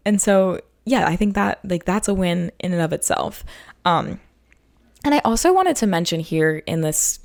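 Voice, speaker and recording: A woman's voice: on the low side, creaky, darkish tone. A young woman hosting a podcast, talking casually and filling her sentences with "like" and "um". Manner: chatty, heavy use of "like" and "um", restarts. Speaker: podcast host. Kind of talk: casual solo podcast talk.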